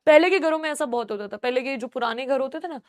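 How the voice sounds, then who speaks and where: High-voiced woman teaching English. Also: darkish tone. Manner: reads English lines slowly, then explains them in Hindi, calls students "my child". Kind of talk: classroom lecture explaining a story.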